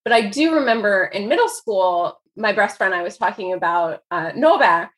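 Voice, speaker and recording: Over poor audio, a chatty American woman in her 40s, guesting as an author on a casual interview, speaks at a moderate pace in a fairly bright, expressive mid-range voice. She rambles, laughs often and leans heavily on "like."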